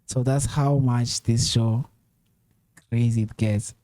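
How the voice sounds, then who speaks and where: A man hosting a laid-back talk show, his voice mellow and warm. He asks questions in an easy, conversational way, leaning on fillers. The sound is dry and close, with no room around it. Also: medium pitch, fairly even intonation, slow, dry recording. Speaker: host. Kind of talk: casual chat.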